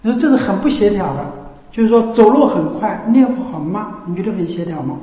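High-voiced man teaching in an echoing hall. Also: fast. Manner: lively, demonstrates by chanting phrases. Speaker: Buddhist teacher. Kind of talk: colloquial dharma talk on chanting. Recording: echoey hall reverb.

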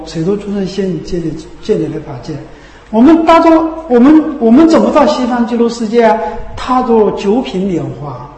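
A man giving a Buddhist sermon, often asking rhetorical tag questions and dropping low and soft on them. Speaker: Buddhist teacher. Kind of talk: Dharma sermon. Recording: echoey hall with long reverb.

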